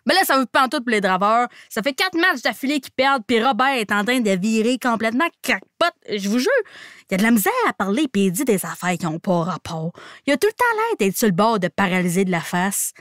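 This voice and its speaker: A woman with a Québécois accent recaps a show with slangy comic energy, sliding into a joking hockey-coach act. Her voice sits high and bright in register, recorded close and dry with no room sound. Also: a little fast, dry recording. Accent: Québécois French. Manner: animated, slangy, playful mock hockey coach. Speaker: podcast host recapping a TV series.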